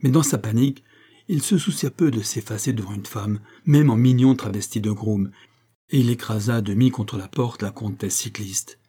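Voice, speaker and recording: A man reads a novel aloud in steady audiobook narration. His voice sits low and sounds dark and mellow. There is a husky edge to his tone. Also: moderate pace. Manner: steady storytelling, raising voice for dialogue. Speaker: audiobook reader. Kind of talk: scripted narration.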